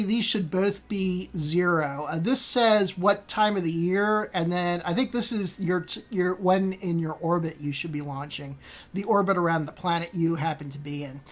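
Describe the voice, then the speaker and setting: A woman hosting a casual gameplay walkthrough, rambling with many fillers and self-corrections. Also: fairly low pitch. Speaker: host.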